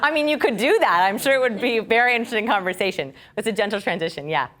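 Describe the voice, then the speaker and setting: A woman instructor teaching a storytelling class, lively and acting out quoted speech. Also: mid-range voice, rapid-fire.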